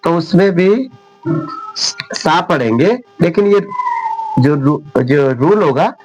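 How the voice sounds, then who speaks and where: A man's voice: on the high side, very animated, takes it slowly, a little mellow, soft background music, low-quality recording. Man teaching, throat sore. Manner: patient, spells words out letter by letter. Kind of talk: spoken Hindi English lesson.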